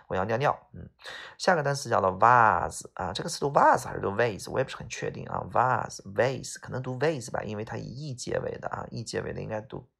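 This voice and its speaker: A man's voice: mid-range voice, creaky, a bit bright. A man teaching English vocabulary word by word, explaining in a casual way with everyday examples and a habit of tagging lines with "OK".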